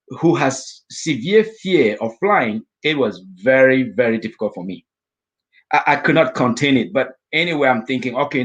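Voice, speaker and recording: A middle-aged African man with a mid-range voice gives a storytelling talk as a guest speaker. He tells a vivid personal story, acting out his own inner thoughts in lively asides.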